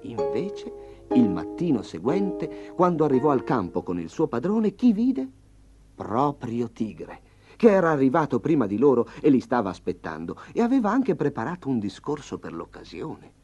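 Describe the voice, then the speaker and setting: A man reading a storybook aloud in an expressive, dramatic way. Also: mid-range voice, normal speed, husky, faint music behind. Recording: slightly dull lo-fi.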